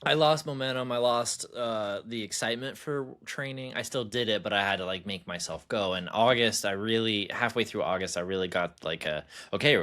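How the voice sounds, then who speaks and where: A man's voice: on the low side, a little fast, hardly any pauses, a bit bright. A man co-hosting a casual podcast, joking and sarcastic, laughing often as he talks. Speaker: podcast co-host. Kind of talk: casual chat.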